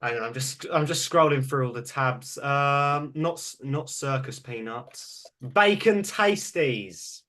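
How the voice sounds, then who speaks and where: A man's voice: mid-range voice, slow pace, few pauses, bright, forceful tone. A man hosting a casual podcast, laughing, swearing and rambling as he chats with his guests. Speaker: podcast host.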